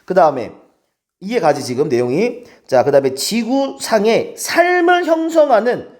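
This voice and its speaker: A man's voice: high voice, expressive, normal speed, darkish tone. A man teaching English grammar in a lecture, keeps checking in with the class through rhetorical questions.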